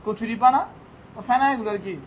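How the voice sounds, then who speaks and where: A man's voice: extremely high pitch, steady tone, a little fast, rough recording. A male teacher giving a classroom vocabulary lesson, firing questions at his students and answering them himself. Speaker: English teacher. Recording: faint background noise.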